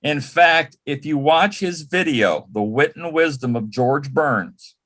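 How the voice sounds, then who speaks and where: A former personal assistant to an entertainer reminisces as an interview guest, his voice on the high side, expressive, a bit bright and slow. He tells anecdotes casually and conversationally, often quoting dialogue.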